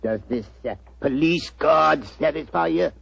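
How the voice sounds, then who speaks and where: Gravelly, cocksure English police inspector. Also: male voice, on the high side, measured pace, a bit bright, full character voice. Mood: businesslike. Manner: blustering, colloquial, hesitant. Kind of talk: 1940s radio acting. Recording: muffled old 1940s radio recording.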